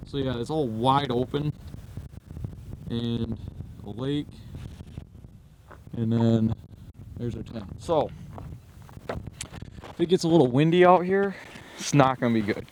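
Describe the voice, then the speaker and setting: Casual man vlogging outdoors, noisy background. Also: mid-range voice. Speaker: hunting vlogger. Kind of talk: casual vlog update to camera. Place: outdoors at a rural hunting spot.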